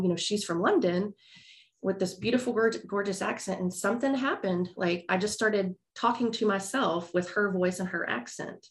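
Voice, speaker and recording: A woman co-hosting a podcast, chatting casually with quick reactions and giggles. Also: fairly low pitch. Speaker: podcast co-host. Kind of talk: casual chat.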